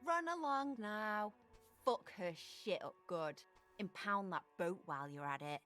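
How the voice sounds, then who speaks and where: Sneering foul-mouthed street artist. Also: female voice, medium pitch, expressive, unhurried, fairly bright tone, soft background music. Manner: insulting, sneering, sarcastic.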